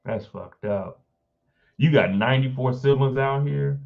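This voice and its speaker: A man's voice: mid-range voice, measured pace, creaky, a little mellow, highs cut off. A man hosting a casual live stream, reading an article aloud and breaking off to react with blunt, informal asides.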